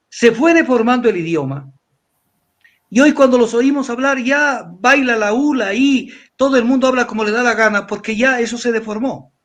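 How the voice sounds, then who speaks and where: A man's voice: sits high, fairly bright tone. An older man from Ecuador giving a lecturing weekly commentary, repeating himself and spelling out letters. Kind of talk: weekly analysis talk.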